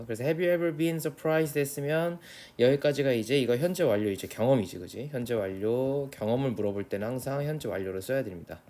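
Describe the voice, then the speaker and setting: In an exam prep lecture, a young man with a Korean accent teaching English reads the passages at a slow pace and follows up with brisk, relaxed explanations. He has a medium-pitched, mellow voice.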